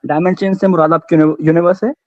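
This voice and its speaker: A man from India calls in to question a scholar, his voice arriving over a dull, lo-fi call line with a dry, close sound. He sits a little high in pitch and argues earnestly, halting and restarting as he hunts for the right words. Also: steady tone, no room sound. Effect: heard over a call line. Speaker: caller.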